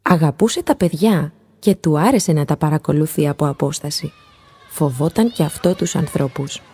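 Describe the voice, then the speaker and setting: A woman reading a children's story aloud in a gentle, expressive storytelling voice. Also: sits low, breathy edge. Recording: long hall reverb.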